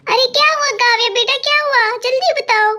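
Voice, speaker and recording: A calm father doll who soothes his daughter in a doll story, as a woman voices him. The voice stays high and bright, with a reassuring tone. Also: brisk.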